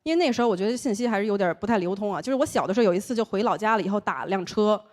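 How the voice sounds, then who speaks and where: A woman's voice: medium pitch, racing. A young woman from Taiwan with a Beijing accent, telling a stand-up comedy set on stage. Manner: lively storytelling with quoted voices. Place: comedy stage with live audience.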